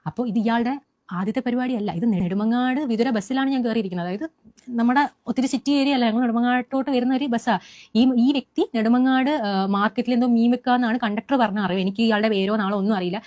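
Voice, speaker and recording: An animated young eyewitness from Kerala, India, rushes through her first-person account of an incident, restarting many times. Her voice sits on the high side, and the recording is dry.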